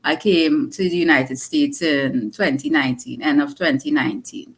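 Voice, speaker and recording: A woman's voice: low-pitched, fairly even intonation, moderate pace. A woman from Trinidad and Tobago with a Trinidadian accent, explaining her work earnestly as an interview guest. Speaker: guest, digital marketer. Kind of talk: casual interview chat.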